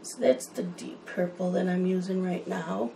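A woman's voice: fairly low pitch, moderate pace, gravelly, warm tone, a little hiss or hum, low-quality recording. A woman chatting in a rambling, casual way while she colors, wandering from one topic to the next. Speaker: coloring channel host.

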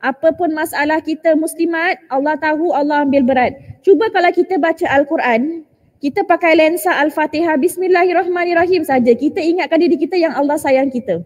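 A middle-aged woman teaching a religious lecture to women, telling stories in an animated way and dropping in English phrases. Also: high-pitched, a little fast, in a large hall, dull audio.

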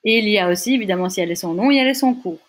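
A woman's voice: medium pitch, racing. A young woman teaching a language lesson, patiently sounding out syllables and checking in often with her listeners. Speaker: Dutch teacher. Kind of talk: explanatory lesson.

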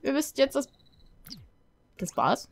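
A young German woman giving chatty, excitable commentary on a life-simulation game, full of nervous exclamations. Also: high voice, measured pace, vocal fry, background noise. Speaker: let's play host. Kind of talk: casual gameplay commentary.

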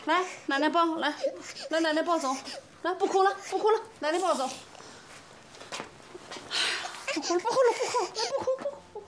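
A woman's voice: high voice, fairly even intonation, a bit bright, a little hiss or hum. An actress playing an older grandmother who nags and scolds, then fusses over her small grandson. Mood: soothing. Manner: brisk and nagging, soothing toward the child. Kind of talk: TV drama acting.

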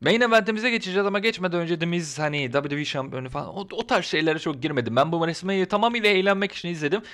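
Fast-talking excitable man vlogging. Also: on the high side. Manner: excitable, ranting, colloquial. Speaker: wrestling commentary vlogger. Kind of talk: casual opinion vlog.

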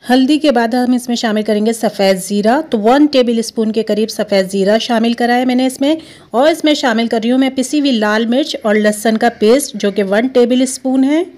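A woman hosting a home cooking video, explaining each step of a recipe in a steady, instructive way. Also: a little high, a little fast. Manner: steady, instructive, repeats steps. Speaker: cooking show host. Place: home kitchen.

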